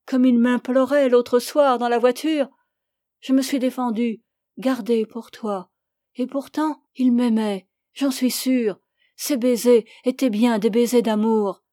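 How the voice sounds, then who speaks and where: A woman's voice: on the high side, steady tone, slow pace, warm tone, no echo, clean studio sound, pitched above the performer's own voice. A woman reading an audiobook, voicing an anguished young woman who is passionate and reproachful. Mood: impassioned. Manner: impassioned, reproachful.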